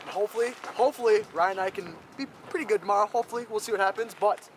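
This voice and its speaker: A young man vlogging excitedly about ice fishing to his viewers, whom he calls "boys", from his truck and out on a frozen lake. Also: sits high, very fast, a little hiss or hum. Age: young adult. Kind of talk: casual vlog chat. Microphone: camera on the dash or held at arm's length.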